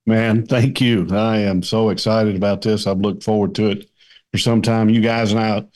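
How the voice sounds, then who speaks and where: A middle-aged man with a West Kentucky twang, chatting as a podcast guest in a folksy, halting way. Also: lowish voice, flat delivery, a little mellow. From Kentucky, United States. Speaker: podcast guest, men's ministry leader. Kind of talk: casual conversational interview.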